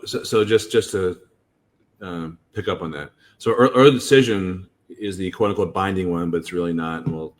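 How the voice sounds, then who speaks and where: A man with a very low voice hosts a podcast about college admissions. He explains things casually and often stops to restart his sentences. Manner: halting, many restarts and fillers.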